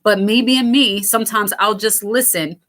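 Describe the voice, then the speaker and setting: A female host in her thirties answers viewer comments in an easygoing commentary, her raspy, lower voice a bit bright, at normal speed with fairly even intonation. She comes across as frank and light, with frequent fillers, restarts, and self-interruptions.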